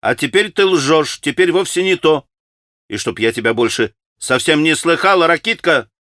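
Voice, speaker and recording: A man's voice: fairly high pitch, lively intonation, normal speed, sharp tone, dry recording, voice pushed up. A passionate young woman, impulsive and remorseful, her voice lifted well above a man's natural register, as a male audiobook reader performs her. She speaks with agitated emotion, each line close and dry with no room around it. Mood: vehement.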